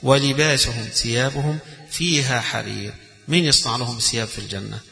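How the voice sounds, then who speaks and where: Gravelly Egyptian religious teacher, echoey hall. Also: male voice, medium pitch, a little fast, pushed and bright. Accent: Egyptian Arabic. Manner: repeats phrases with emphatic, recited cadence. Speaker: Quran teacher. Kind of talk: religious lesson explaining Quran readings. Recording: echoey hall with faint music.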